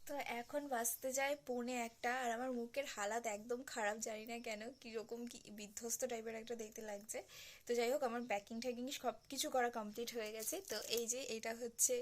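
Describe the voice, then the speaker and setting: Young woman, quiet casual vlog talk, slightly high voice, at home at night. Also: fairly even intonation, fast. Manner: hushed, soft-spoken to avoid being overheard. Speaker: vlogger.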